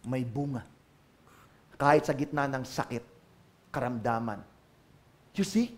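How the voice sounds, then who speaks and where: A man with a Filipino accent, a pastor preaching a sermon to a church congregation, swinging from hushed asides to loud, emphatic calls. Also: mid-range voice, a little slow. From Philippines.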